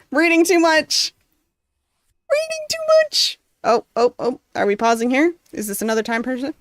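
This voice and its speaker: A woman streamer with a high voice and big pitch swings speaks at a moderate pace in a clean, dry studio recording with no room sound. She reads visual novel narration aloud and chats casually with viewers, her voice going from so much reading, coughing now and then, and rambling with heavy fillers.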